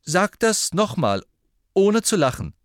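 A man's voice: lowish voice, big pitch swings, a little slow, dry recording, studio quality, full character voice. A man voicing an exasperated teenage boy wizard for a storybook, speaking in a raised, impatient, incredulous tone.

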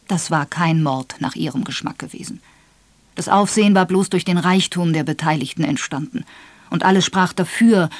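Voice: medium pitch, no echo. Trocken aufgenommener, gemessener Hörbuchsprecher. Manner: measured, expressive storytelling. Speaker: audiobook narrator. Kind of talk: scripted narration.

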